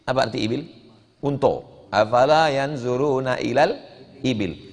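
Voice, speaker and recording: A male preacher giving a sermon, switching between chanted Arabic phrases and lively explanation. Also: medium pitch, normal speed. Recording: long hall reverb.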